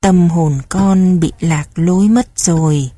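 A calm, coaxing priest in a dark robe speaks softly to a lost child, read by a woman narrator. The voice is mellow and breathy. It sits close and dry, with no echo. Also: lowish voice, slow.

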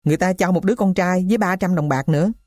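A woman voicing a poor middle-aged male thief who tells his story in a rough, blunt way. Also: lowish voice, racing, a little mellow, no room sound, clean studio sound, natural voice. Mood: gruff.

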